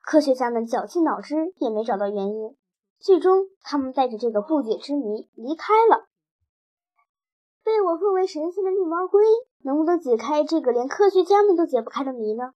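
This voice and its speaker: A woman narrating a children's storybook in the first person, with expressive, lively delivery. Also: high-pitched, normal speed, highs cut off.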